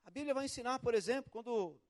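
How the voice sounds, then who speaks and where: A Brazilian man preaches in a church, his voice set notably high for a man. He tells stories with animation, acting out little quotes and calls. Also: quick pace. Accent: Brazilian Portuguese. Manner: animated storytelling with acted quotes and shouts. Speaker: pastor. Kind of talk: sermon.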